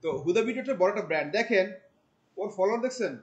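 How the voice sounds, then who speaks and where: A man, teaching a class. He talks in a colloquial, animated way, firing questions at the students. He drops English terms into his explanations. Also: high voice, rapid-fire, dull audio. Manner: questions the class often, mixing in English words. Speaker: marketing instructor. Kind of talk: classroom lecture.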